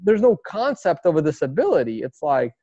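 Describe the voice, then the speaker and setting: A very animated man with a slightly high, warm voice speaks fairly quickly, rambling as a casual interview guest with plenty of fillers and restarts. He's a native Russian speaker from Russia with a Russian accent. The sound is dry, a bit dull, and echo-free.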